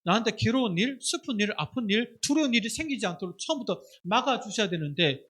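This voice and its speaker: A man's voice: high voice, animated, quick pace, a bit bright, husky, full character voice. A man voicing a whiny, upset child. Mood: complaining. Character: upset child complaining to God.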